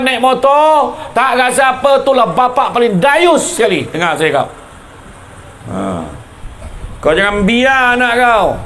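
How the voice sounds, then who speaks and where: A man's voice: very high-pitched, fairly bright tone, slight background noise. A man with a Malaysian Malay accent giving a casual religious talk to a live audience, joking and asking rhetorical questions. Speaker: religious lecturer. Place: community lecture event.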